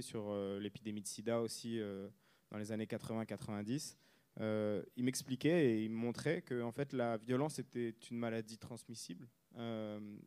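A man from France, an author and former reporter, answering interview questions in a measured, reflective way and often pausing to find his words. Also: medium pitch, dark tone, clean tone.

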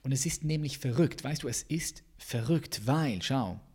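Husky man with dramatic whispered asides. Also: medium pitch, measured pace. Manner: intense, swings between loud bursts and whispers. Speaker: personal growth coach. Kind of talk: motivational monologue.

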